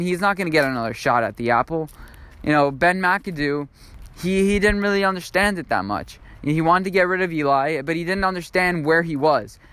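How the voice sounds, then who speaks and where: A young man hosts his own sports video, talking through football opinions off the cuff. His voice sits a little high and comes across smooth and clear. He wanders and restarts as he thinks aloud. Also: fairly bright tone, no echo. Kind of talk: unscripted football commentary monologue.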